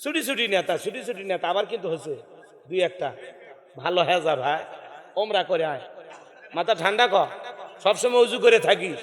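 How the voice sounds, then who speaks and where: Bangladeshi preacher guy, high sharp voice, acts out the story, echoey pa sound. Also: lively intonation, brisk, pauses often. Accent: northern Bangladeshi Bengali dialect. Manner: theatrical, acts out characters with shouted lines, scolds the crowd. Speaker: Islamic preacher. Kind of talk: lively storytelling sermon.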